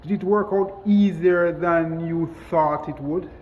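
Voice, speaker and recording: A man's voice: fairly high pitch, steady tone, slow pace, darkish tone, big-room sound, highs cut off. A man interviewing a football coach after a match, asking short, upbeat questions. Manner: brief, upbeat prompting questions. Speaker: sports show interviewer.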